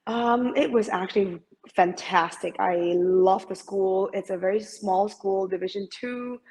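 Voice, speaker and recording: A middle-aged Malaysian woman, a masters swimmer, is a guest in an interview conversation. Her voice is mid-range and darkish, her pace measured, and she hesitates a lot, with many fillers and restarts.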